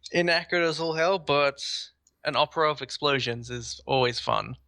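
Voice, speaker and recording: A man's voice: on the high side, normal speed, vocal fry, pushed and bright, no room sound. A man chatting enthusiastically as a gaming podcast host. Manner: enthusiastic, rambling. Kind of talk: casual gaming podcast chat.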